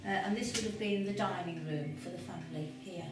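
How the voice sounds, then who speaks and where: A woman with a low-ish voice talks fairly quickly and somewhat hesitantly as she explains things on an informal tour of an old house. She's in a large room there, recorded from a distance, with echo and background noise.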